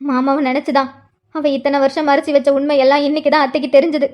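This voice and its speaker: A woman's voice: sits high, level tone, fast, highs cut off, close to an everyday voice. A woman voicing a worried, tearful middle-aged mother in a cartoon drama, pleading and anguished. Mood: anxious.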